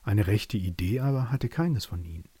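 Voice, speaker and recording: A man narrating a bedtime story calmly and gently. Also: fairly low pitch, moderate pace, slightly rough, no room sound.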